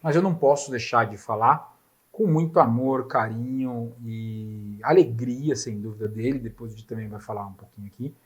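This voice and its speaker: A middle-aged man with a Brazilian Portuguese accent hosting a podcast, telling a story in animated, casual chat and swearing freely. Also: mid-range voice, normal speed. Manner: animated, swearing, acts out dialogue. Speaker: podcast host.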